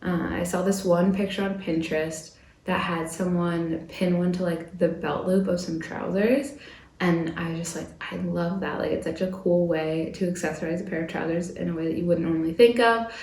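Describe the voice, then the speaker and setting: A fashion vlogger in her twenties chats through her picks of fashion trends while getting over a cold, peppering her speech with "like." She has a lowish, darkish voice with fairly even intonation at a normal speed, and the room is echoey.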